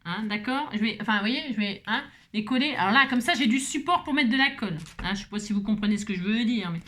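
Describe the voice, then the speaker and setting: Woman, casual craft tutorial chat, humming to herself, higher-pitched. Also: quick pace, fairly bright tone. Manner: chatty, hums and sings little tunes while working.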